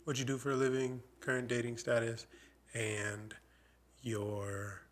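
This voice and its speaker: A man's voice: medium pitch, completely flat delivery, a little slow. A man in his thirties hosting a podcast in loose, joking casual chat, swearing freely. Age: 30s. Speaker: podcast host.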